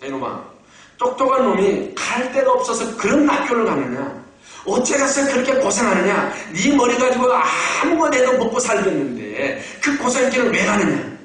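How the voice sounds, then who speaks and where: A man's voice: extremely high pitch, very animated, moderate pace, a bit bright, pitched above the performer's own voice, heavily acted. A man playing his stern brother-in-law, a senior police officer, who scolds and sneers at him. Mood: scolding. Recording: very echoey church hall, voice from a distance.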